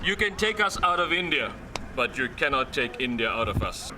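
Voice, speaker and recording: A man's voice: mid-range voice, big pitch swings, normal speed, a crowd in the background, lightly acted. An actor playing a jovial man who keeps joking and teasing. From South Africa. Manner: joking, teasing, laughs often. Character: jovial South African Indian man, joking fixer.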